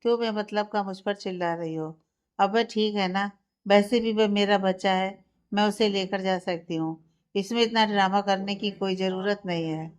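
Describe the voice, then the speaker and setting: A woman voicing a proud young wife who answers back defiantly, in a smooth, clear voice. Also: mid-range voice, steady tone, normal speed, close to an everyday voice. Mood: indignant. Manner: defiant, indignant.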